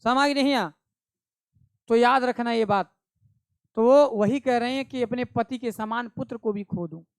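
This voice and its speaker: A man's voice: very high-pitched, a little slow, creaky, smooth, dry recording. A man teaching Hindi poetry, explaining each verse line by line and asking rhetorical questions.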